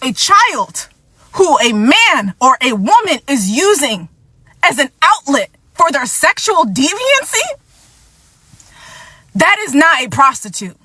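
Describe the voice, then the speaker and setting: A woman's voice: high voice, very animated, slow, long pauses, pushed and bright, no echo. A woman hosting a vlog, delivering impassioned commentary in a blunt, angry, profane way, repeating points for emphasis and fighting back tears. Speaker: vlog host.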